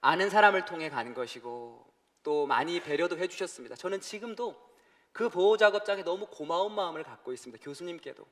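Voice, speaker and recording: A man preaching in a church sanctuary, telling a story and acting out the voices in it. His voice sits a little high, and a long hall reverb trails behind every phrase. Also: expressive, a little fast, a bit bright. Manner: storytelling, acts out calls and his brother's voice. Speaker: pastor. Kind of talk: sermon.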